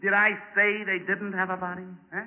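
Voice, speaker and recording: On a dull old broadcast recording with a noisy background, a man speaks a little fast in a high voice, level in tone and natural. He's the actor narrating and leading a 1940s radio drama as a hard-nosed, wisecracking insurance investigator, taunting the suspects he needles.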